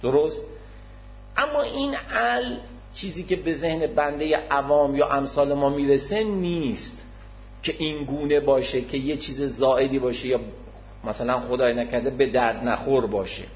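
A man giving an explanatory religious lecture, speaking patiently and formally to his listeners, repeating key words to make his point. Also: mid-range voice. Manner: modest, addresses listeners formally. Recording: dull lo-fi recording.

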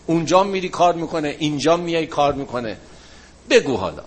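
A man teaching a religion class, answering students' questions in a relaxed, colloquial way and leaning on everyday examples. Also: fairly high pitch. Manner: closes with a chanted-style supplication.

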